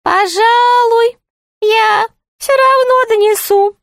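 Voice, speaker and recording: Woman putting on a sly greedy court jester, sugary and wheedling, very high and slow, dry storybook read. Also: steady tone, no echo, heavily acted. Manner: sweet-voiced, sly and wheedling.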